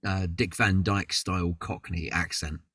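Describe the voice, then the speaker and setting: A man's voice: low-pitched, fairly even intonation, measured pace, bright, forceful tone, breathy edge, dry recording, distant mic. A man from London with a London accent, a voice actor chatting in an interview with lots of fillers and asides. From London, England. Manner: rambling, chatty, self-deprecating with many fillers. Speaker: voice actor guest. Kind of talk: casual interview chat. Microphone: video call.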